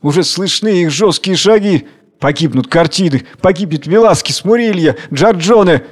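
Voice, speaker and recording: A man voicing a despairing crowd with drawn-out, wailing pleas. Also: high voice, animated, voice pushed up.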